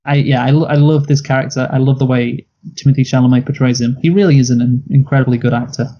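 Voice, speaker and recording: A man with a mellow, dark-toned voice gives blunt, opinionated takes in loose casual chat, leaning on fillers like "like". The sound is dull and lo-fi, as on a home podcast. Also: medium pitch, fairly even intonation, fast talker. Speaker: podcast co-host.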